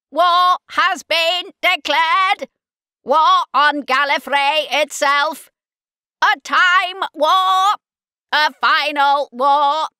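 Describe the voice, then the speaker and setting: A woman voicing cold, hateful alien war machines in an audiobook, barking slow, clipped commands. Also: high-pitched, sharp tone, no echo, studio quality, voice pushed up, heavily acted. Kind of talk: audiobook character voice.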